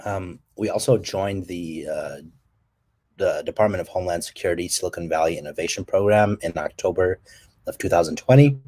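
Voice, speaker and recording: A man presenting his company's standards work and answering questions, speaking haltingly with many fillers and restarts. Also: low-pitched, expressive, pushed and bright. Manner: halting, many ums and restarts, coughs between phrases. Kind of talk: technical presentation and Q&A.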